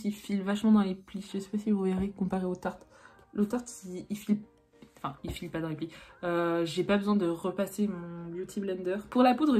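In a mellow, fairly low voice, a young woman from France talks casually through a makeup tutorial as a beauty vlogger. Her chatter is filler-heavy and self-correcting, with frequent restarts, and faint music plays underneath.

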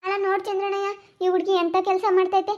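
Brief: sharp-tongued village mother, played by a woman, very high pitch, rapid rural Chitradurga Kannada, muffled recording. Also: completely flat delivery. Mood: scolding. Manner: scolding, rapid and shrill.

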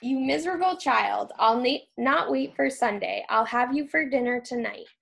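A woman voicing a spiteful, quick-tempered old witch in a storybook reading, with a slightly high, gravelly voice. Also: a bit bright, exaggerated voice. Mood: raging.

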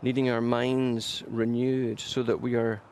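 A man's voice: mid-range voice, little pitch movement, unhurried, darkish tone, slight background noise. A male pastor preaching a sermon, earnest and emphatic, building momentum through repeated phrases. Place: church.

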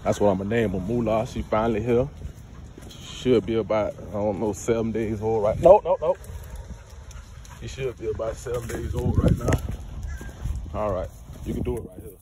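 Walking his dog along a neighborhood sidewalk, a young man holds his phone and chats about dog breeding in a casual walk-and-talk vlog. His lowish voice moves at a moderate pace with frequent pauses, and he's laid-back and slangy, speaking to the dog between remarks. Background noise is clearly audible in the outdoor recording.

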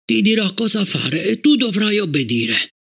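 A man's voice: high voice, big pitch swings, normal speed, creaky, a bit bright, breathy edge, voice pushed up, exaggerated voice. A man reading an audiobook, voicing an anxious, stammering elderly scholar who pleads breathlessly. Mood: pleading.

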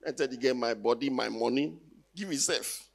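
A faint background noise sits under this man's medium-pitched voice, which has some vocal fry and moves at a moderate pace. He's in his thirties, has a Nigerian accent, and is doing teasing, chatty stand-up on a large theatre stage, posing rhetorical questions via a handheld mic.

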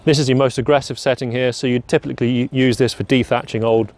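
A man's voice: mid-range voice, fairly even intonation, quick pace, a little mellow. A young man giving a plain, practical walkaround of a farm machine outdoors on a lawn, often repeating "very, very". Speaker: product presenter. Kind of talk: product walkaround demo.

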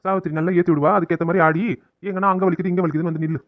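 A man's voice: high-pitched, little pitch movement, racing, dry recording, highs cut off, lightly acted. A man voicing a teasing, dismissive middle-aged husband in a cartoon family drama. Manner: dry, mocking.

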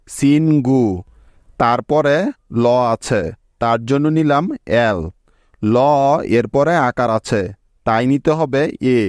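A man explains English spelling letter by letter, taking his time over every syllable. His voice sits at an ordinary pitch and the recording is dry and close, with no room sound. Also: a little mellow, no room sound. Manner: slow, step-by-step explaining. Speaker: English teacher. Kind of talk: spelling lesson narration.

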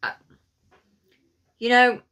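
A young woman gives casual reaction commentary from a small room, exclaiming and talking back to what she watches. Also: drawn-out words. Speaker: reaction video host. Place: small indoor room at a desk.

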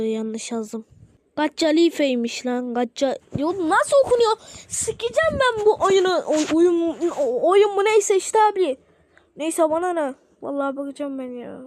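A woman casually reacting to short videos, rambling and excitable, swearing often. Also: extremely high pitch, no echo.

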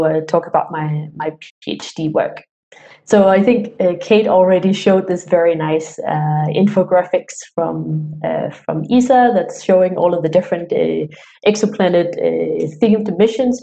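A woman's voice: fairly low pitch, warm tone. A young woman from Denmark, giving an online talk as a PhD student, friendly and tired, with many fillers and restarts. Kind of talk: online presentation. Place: home room.

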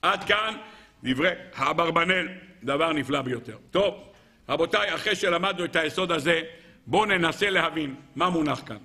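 A man, a rabbi, giving a Torah lecture in an animated way, asking rhetorical questions and speaking directly to his listeners. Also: on the high side.

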